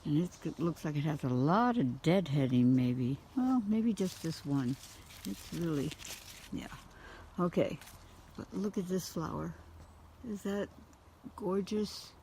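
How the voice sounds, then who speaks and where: Slow gravelly woman touring her garden. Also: fairly low pitch, sing-song, dark tone, a little hiss or hum, rough recording. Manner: enthusiastic, gushing, points things out. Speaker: gardener giving a garden tour. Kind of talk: casual walking garden tour. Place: outdoors in a home garden.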